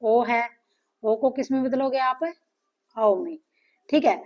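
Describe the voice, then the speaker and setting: A woman's voice: on the high side, slow pace, a little mellow. A woman teaching a grammar lesson, patiently asking questions and answering them herself. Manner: patient, asks and answers her own questions. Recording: dull lo-fi sound.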